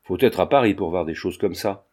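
A man reading a storybook, voicing a gruff but kindly old army sergeant who scolds and blusters. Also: deep voice, fairly quick, darkish tone, voice pushed down. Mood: scolding. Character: gruff, good-natured old army sergeant park keeper.

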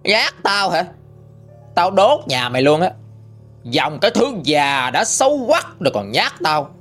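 A man voicing a fierce, fearless old grandmother in her sixties or older, scolding and shouting threats. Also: high voice, animated, slow pace, soft background music, voice pushed up, heavily acted. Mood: furious mocking.

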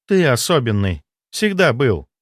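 A man voicing a jealous, desperate female doctor in an audiobook, pleading and shrill. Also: big pitch swings, a little slow, no room sound, studio quality. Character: jealous, hysterical female doctor, young adult.

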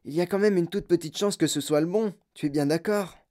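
An old, frail grandfather in a storybook reading, hushed but bubbling with eagerness, put on by the reader. The voice sits higher than the narration and leans in close. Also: fairly quick, lightly acted. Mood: eager hushed. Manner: hushed, eager, raised pitch. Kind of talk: audiobook reading.

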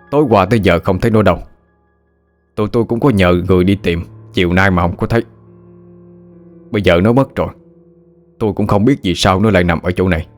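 A man voicing a middle-aged village father who speaks calmly and deliberately. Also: sits low, close to an everyday voice.

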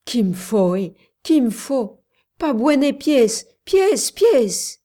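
A woman's voice: a little high, big pitch swings, slow, dark tone, voice pushed up. A woman voicing a brave grown male overseer who barks short commands in broken creole French. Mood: shouting.

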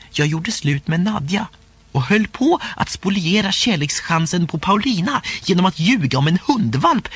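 A man narrating a humorous first-person diary story aloud in a playful, expressive way. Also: on the high side, creaky, husky. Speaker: audiobook narrator.

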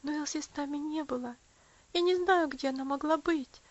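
A woman's voice: high-pitched, normal speed, close to an everyday voice. A woman voicing a frail, lame young boy who speaks anxiously in an audiobook story. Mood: earnest. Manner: anxious, breathless. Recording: dull lo-fi audio.

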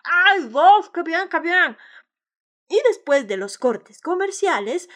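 A woman presenting and narrating a radio theatre programme in a lively, exclamatory way. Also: very high-pitched, slow pace. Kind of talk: playful radio show intro and scripted narration.

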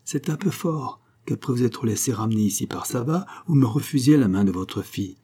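A man's voice: medium pitch, animated, brisk, mellow, husky. A man voicing an impetuous, sulky young nobleman who exclaims petulantly, read in an audiobook. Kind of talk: audiobook character reading.

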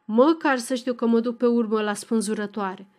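A woman's voice: on the high side, darkish tone, natural voice. A woman voicing a drunk, furious middle-aged peasant father who bellows threats in a storybook reading.

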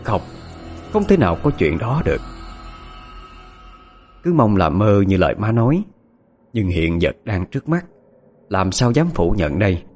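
A man narrating a first-person ghost story in a hushed, suspenseful, expressive way. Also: fairly low pitch, unhurried, long pauses, faint music behind.

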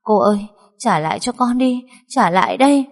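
A woman's voice: animated, moderate pace. A woman voicing a tearful pleading little girl. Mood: begging. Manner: tearful, begging, high-pitched. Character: young girl missing her mother, pleading. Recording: long hall reverb.

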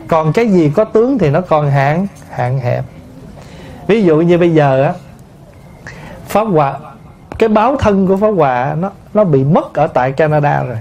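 A man's voice: a little high, darkish tone, slight background noise. A middle-aged Buddhist monk giving a dharma talk, explaining with examples and answering his own questions.

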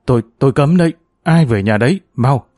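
A man's voice: medium pitch, expressive, fairly quick, a little mellow, no room sound, studio quality, natural voice. A man voicing a stern elderly grandfather who scolds his family, in a narrated story.

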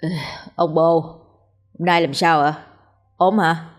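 A woman's voice: deep voice, fairly even intonation, slow. A woman doing an insolent young son. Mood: mocking. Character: insolent young man, mocking his father.

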